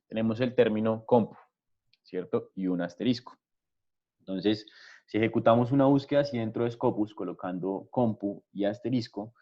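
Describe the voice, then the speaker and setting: Male trainer, low voice, patient step-by-step explainer, dull lo-fi webinar audio. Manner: explanatory, repeats "¿listo?" and "entonces" often.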